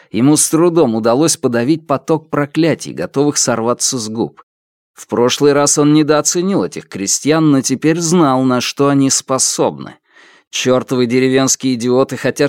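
A man narrating a novel in a steady, even reading voice. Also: mid-range voice, dry recording, studio quality. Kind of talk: audiobook narration.

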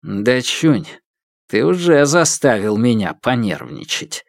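A man's voice: mid-range voice, big pitch swings, slow, gravelly, no room sound, clean studio sound, heavily acted. A man voicing a vengeful male hostage-taker who barks orders and taunts. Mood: taunting. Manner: barking, taunting, menacing.

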